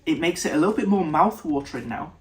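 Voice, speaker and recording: A young British man gives a casual whisky tasting review to camera, thinking aloud and often stopping and restarting his sentences. His voice is a touch high for a man, nasal and congested, and he talks quickly. Soft music runs in the background.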